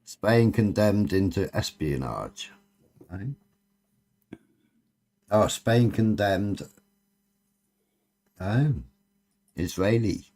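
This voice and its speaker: A man's voice: lowish voice, expressive, drawn-out words, pauses often, a little mellow. A man with a Cornish accent chatting casually on a late-night livestream, bantering and swearing freely. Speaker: live stream host.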